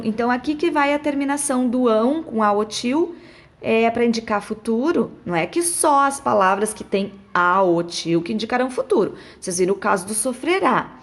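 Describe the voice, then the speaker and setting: A woman explaining a grammar lesson to her students, patient and explanatory, often checking they follow. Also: on the high side. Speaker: teacher. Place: classroom with a whiteboard. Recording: echoey room.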